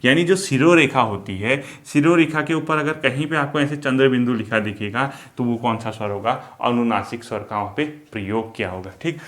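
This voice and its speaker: A man teaching Hindi grammar for exams, who keeps saying "ठीक है", poses questions and answers them himself, and slows down to spell out vowel sounds. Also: medium pitch, a bit bright. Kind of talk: exam-prep lesson at a board.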